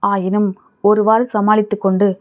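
A woman narrating a novel as an audiobook reader, in steady storytelling. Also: mid-range voice, normal speed. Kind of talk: scripted narration. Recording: tinny phone-like audio.

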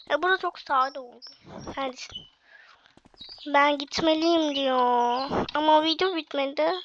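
A young woman with a high, fairly bright voice hosts her own gaming video, chatting casually and directly to viewers while sick with a cough. The audio is dull, with slight background noise.

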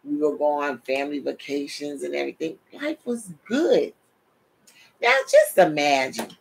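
A middle-aged New York woman with a New York accent and Caribbean touches preaches a sermon-style testimony over a webcam from her home office desk chair, animated and gesturing as she calls listeners "people". She is a preacher and show host. Her low-pitched voice has vocal fry, and the audio is poor with slight background noise.

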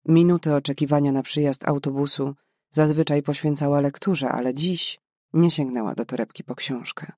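Guy reading an audiobook, measured and dramatic, bit high pitched, dry close sound. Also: fairly even intonation, warm tone, no room sound. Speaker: audiobook narrator. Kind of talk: scripted narration.

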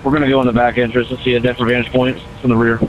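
A man's voice: mid-range voice, flat delivery, rapid-fire, phone-quality sound. A man who is a firefighter, giving informal, matter-of-fact reports from the scene by emergency radio. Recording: noisy fireground radio with engine hum.

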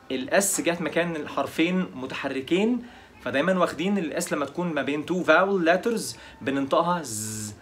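A man with an Egyptian Arabic accent teaching English pronunciation, slowly repeating each word several times. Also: a little high, fairly bright tone, slight background noise. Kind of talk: pronunciation lesson.

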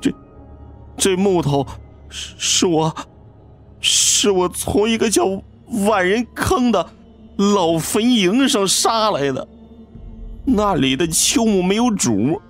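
A man's voice: sits high, sing-song, a little slow, soft background music, pitched above the performer's own voice. A man voicing a frightened young male cousin who stammers and pleads.

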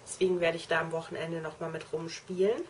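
This young make-up trainee speaks quickly with a low pitch and flat delivery, yet chats enthusiastically to viewers as she shows her kit in a casual vlog. A little hiss or hum is audible.

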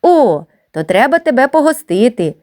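A woman's voice: on the high side, big pitch swings, normal speed, voice pushed up. A woman voicing a gang of mischievous schoolboys who tease and boss a newcomer in a storybook reading. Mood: mocking. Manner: taunting, bossy shouts. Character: mischievous schoolboys, teasing and mocking.

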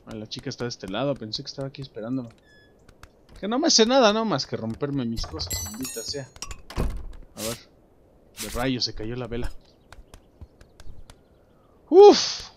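A young man with a Mexican accent giving joking, animated let's play commentary, talking to himself and his viewers as he plays. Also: medium pitch, fairly quick, noisy background. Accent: Mexican Spanish. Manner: animated, jokey, talks to himself and viewers while playing. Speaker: gameplay commentator. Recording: background game music.

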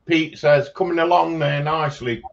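A man's voice: on the high side, normal speed, gravelly. A man hosting a livestream, casually reading out viewer comments and joking with chat. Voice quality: chatty and jokey, laughs often. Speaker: livestream host. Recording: slightly dull sound with faint background noise.

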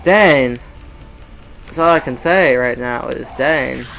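A man giving casual let's-play commentary on a shooter game, excitable and self-mocking, talking to the game and repeating words in bursts. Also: medium pitch, takes it slowly, vocal fry, faint music behind, low-quality recording. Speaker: gamer playing a shooter game.

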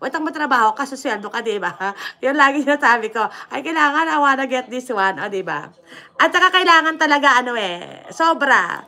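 A woman's voice: high voice, animated, a little fast, sharp tone. A woman from the Philippines with a Filipino accent, chatting casually with viewers on a livestream, switching between Tagalog and English and laughing often. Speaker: livestream host.

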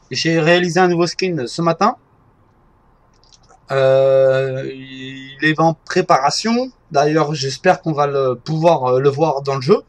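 A man giving casual, halting commentary while driving in a game, often stopping to correct himself. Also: fairly high pitch. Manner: hesitant, halting, often restarts and apologizes. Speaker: gameplay video maker.

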